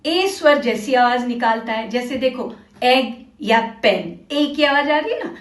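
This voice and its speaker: A woman teaching a literacy lesson, patient and coaxing, repeating words and asking learners to pause and think. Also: high-pitched, animated, reverberant.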